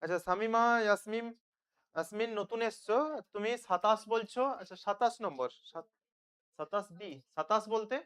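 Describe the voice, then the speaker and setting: Tutor, online revision lesson, smooth clear voice, asks and then answers. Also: medium pitch, normal speed, a bit bright. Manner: asks questions and answers them himself, checks with "তাই তো?". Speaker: teacher. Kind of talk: online live class, question-and-answer revision.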